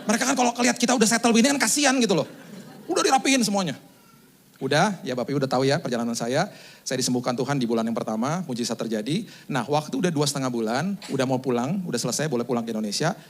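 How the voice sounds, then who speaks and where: A man's voice: medium pitch, animated, quick pace, slight background noise. A middle-aged man, a pastor, giving a sermon with a personal story, acting out scenes with laughing asides.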